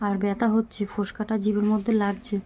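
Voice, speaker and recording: A middle-aged woman who is unwell talks slowly and with effort to her channel's viewers from her home, speaking softly and from the heart. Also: medium pitch, little pitch movement, low-quality recording. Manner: slow, soft-spoken and heartfelt. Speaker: vlogger. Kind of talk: casual talk to camera. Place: small room at home.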